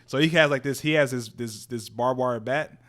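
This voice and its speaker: A man's voice: medium pitch, normal speed, a bit bright. A young man co-hosting a podcast, talking loosely and with a lot of swearing. He tells stories with laughter and acts out quoted lines. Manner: loose, profane storytelling that slips into quoted voices; laughs often while talking. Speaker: podcast co-host. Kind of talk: casual chat.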